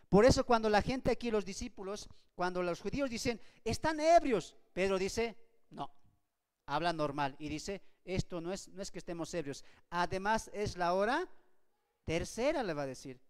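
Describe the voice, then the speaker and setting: Man teaching Bible study: high, smooth voice, emphatic and repetitive, hall reverb. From Bolivia. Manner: emphatic, asks rhetorical questions and repeats points.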